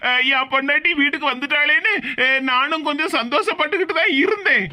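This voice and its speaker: A voice actor playing a bewildered young husband in a cartoon, puzzled and exasperated. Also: male voice, very high voice, fast, sharp tone, exaggerated voice. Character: bewildered young husband caught between wife and mother. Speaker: son. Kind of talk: cartoon voice acting.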